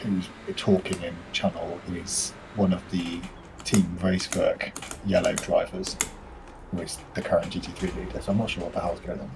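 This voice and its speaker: A man's voice: low-pitched, level tone, moderate pace, vocal fry, background noise. A man on team voice chat, chatting casually with dry, amused asides. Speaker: teammate on voice chat.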